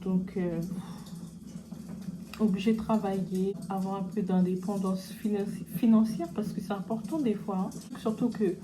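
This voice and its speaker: A young woman from French Guiana, a beauty vlogger chatting casually while doing her makeup, with relaxed slangy asides. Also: mid-range voice, normal speed, rough recording. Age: young adult.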